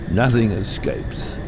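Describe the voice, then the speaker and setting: An actor playing a brooding, fatalistic submarine captain in a dramatic audio drama, grave and theatrical. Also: male voice, medium pitch, creaky, background noise, exaggerated voice. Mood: exalted menace. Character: brooding, fatalistic, obsessed submarine captain, middle-aged man. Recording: loud cinematic music, storm effects underneath.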